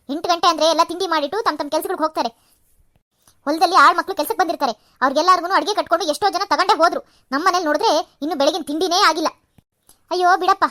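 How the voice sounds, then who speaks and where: A woman's voice: high-pitched, lightly acted. Woman doing a nagging old mother-in-law. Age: older. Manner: scolding, complaining, dramatic sighs. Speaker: cartoon voice actor. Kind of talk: cartoon serial acting.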